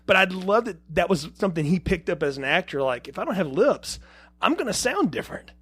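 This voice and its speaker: A man with a somewhat high voice co-hosts a casual film review podcast. He talks in an animated way, acting out short quotes and restarting his sentences often. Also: fairly quick, husky. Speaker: podcast co-host.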